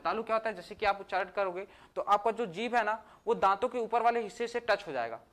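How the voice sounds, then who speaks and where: In this grammar lesson for exam preparation, a man with a high-pitched, fairly bright voice asks questions and supplies the answers himself. He also sounds out letters slowly, one by one.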